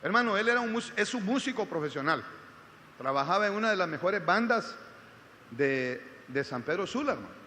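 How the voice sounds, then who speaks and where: A man with a high, bright voice preaches in a church, shifting from storytelling to rising, shouted exhortation. The long reverb of the hall and a faint hiss sit behind him. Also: big pitch swings, brisk. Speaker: pastor. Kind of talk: sermon.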